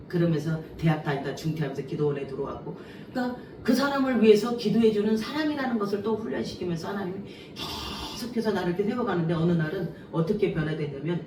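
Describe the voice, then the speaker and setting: Woman revival preacher, animated storytelling, laughs often, echoey church hall. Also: lowish voice, distant mic, noisy background. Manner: animated, acts out quoted voices, laughs often. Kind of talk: revival sermon with personal stories. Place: church sanctuary.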